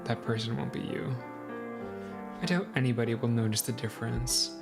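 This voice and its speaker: A woman's voice: rumbling low, moderate pace, gravelly, over loud music. A woman voicing a weary, fatalistic young man who is dying, speaking in a tired, resigned way.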